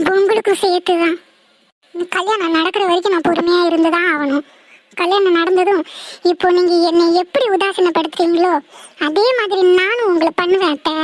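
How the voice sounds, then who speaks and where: A woman's voice: very high voice, no echo. A woman voicing a jealous, tearful young woman who plots in secret, in a cartoon. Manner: whiny, resentful, plotting. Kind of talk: cartoon voice acting.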